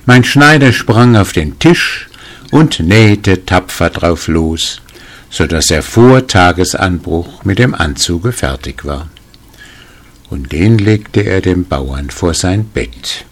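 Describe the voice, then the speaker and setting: A male storyteller reading a folk tale aloud with a deep, low voice. He takes his time, calm and measured, with an unhurried, steady delivery.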